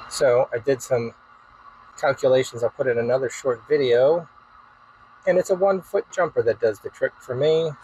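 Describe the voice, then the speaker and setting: This medium-pitched, slightly mellow male voice belongs to a hobbyist host giving an easygoing, hands-on demonstration with folksy phrasing. Poor audio lets clear background noise and ambient sound through.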